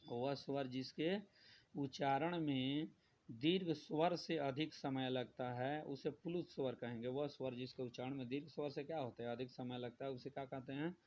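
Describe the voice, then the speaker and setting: A man's voice: medium pitch, darkish tone. A male teacher giving a grammar lesson, repeating each point and asking the class questions that he answers himself. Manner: repetitive, asks questions then answers them. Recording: dull lo-fi sound with faint noise.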